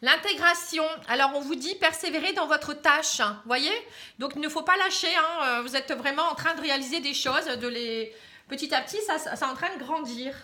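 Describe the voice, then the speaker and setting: Northern French accent, woman, tarot reading, reassuring, bright tone, high voice. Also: brisk. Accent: northern French (Pas-de-Calais). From Pas-de-Calais, northern France. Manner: chatty, tags nearly every phrase with "hein"; reassuring and encouraging. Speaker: tarot card reader. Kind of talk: casual tarot reading to camera.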